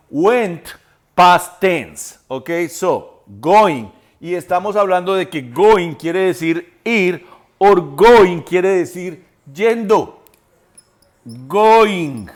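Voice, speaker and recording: Slow, high-voiced man teaching English. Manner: repeats and spells words aloud. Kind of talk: slow spoken language lesson.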